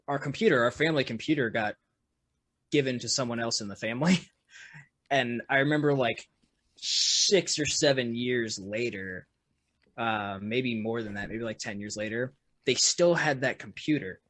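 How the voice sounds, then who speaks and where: A man's voice: medium pitch, a little slow, long pauses, slight background noise. A man, a musician guest on a podcast, chatting casually in a laid-back way with frequent laughs. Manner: laid-back, laughs often, trails off quietly. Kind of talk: casual chat.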